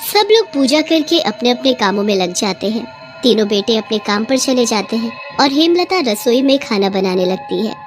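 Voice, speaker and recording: A woman with a fairly high voice tells a scripted horror story in a steady, expressive way. Faint music plays behind her. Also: moderate pace.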